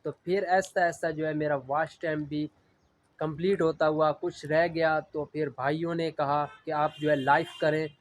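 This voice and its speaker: A man's voice: fairly high pitch, flat delivery, normal speed, low-quality recording. A man from Punjab, Pakistan, talking casually to camera as a vlogger, earnest and rambling with a repeated filler phrase. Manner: earnest, rambling, heavy use of the filler "jo hai".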